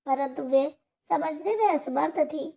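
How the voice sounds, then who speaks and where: A woman storyteller reading a scripted moral tale. Her voice is high and light, and she moves through the story slowly and evenly. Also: vocal fry, mellow.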